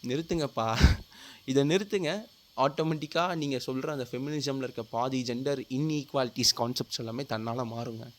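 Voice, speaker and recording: A man's voice: mid-range voice, fairly even intonation, quick pace, few pauses. Earnest young man with a Tamil accent. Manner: earnest, mixes English into speech, asks viewers direct questions. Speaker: video host. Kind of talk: opinion talk to camera.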